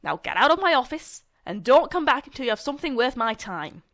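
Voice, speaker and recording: A young woman acts the part of a condescending university student in a comedic audio drama about young female student journalists clashing with a theatre director. Her high, fairly bright voice swings widely in pitch, moves fairly quickly, and is exaggerated.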